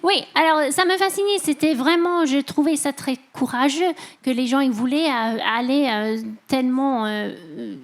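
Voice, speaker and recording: A woman's voice: high-pitched, moderate pace. A woman novelist answering interview questions in non-native French with a foreign accent, searching for her words. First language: not French. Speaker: novelist, festival guest. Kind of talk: interview answers at a literary festival.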